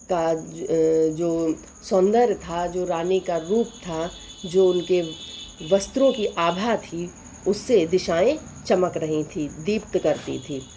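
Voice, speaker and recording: A woman teacher explaining a poem line by line, reciting verses slowly before explaining them. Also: on the low side, warm tone, slight background noise. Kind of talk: poetry explanation lesson.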